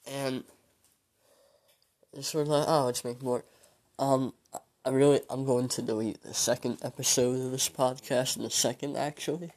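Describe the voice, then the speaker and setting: A young man in his late teens rambling through a solo podcast, hesitant and full of ums, sounding weary and low, recorded on a phone. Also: fairly even intonation, moderate pace, a little mellow. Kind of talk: rambling casual monologue.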